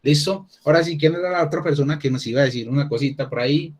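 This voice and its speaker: A man's voice: a little high, fast talker. A man teaching an English class online, talking casually and thinking aloud with many restarts.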